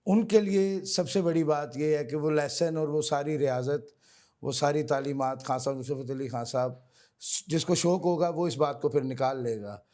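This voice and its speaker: Male singer, mellow tone, earnest guest. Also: on the high side, normal speed. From Pakistan. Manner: earnest, repeats honorifics, addresses host as sir. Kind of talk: interview answers.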